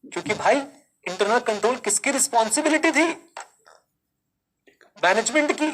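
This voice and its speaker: A male teacher giving a live online class, speaking slowly and deliberately, repeating key lines, quizzing students and mixing Hindi with English. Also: very high voice, animated, fairly bright tone, slight background noise, rough recording. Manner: mixes Hindi and English, calls students kids.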